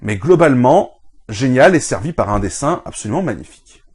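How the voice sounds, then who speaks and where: A man's voice: medium pitch, very animated, brisk, a little mellow, slightly rough. A man presenting a scripted comic book review show, giving enthusiastic recommendations.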